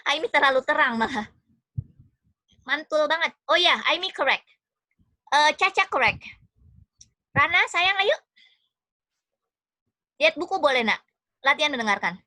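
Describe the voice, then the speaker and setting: A woman's voice: high voice, lively intonation, a little slow, long pauses, sharp tone, dry recording. A woman with an Indonesian accent teaching an online class over a video call, affectionately encouraging students and calling on them one by one.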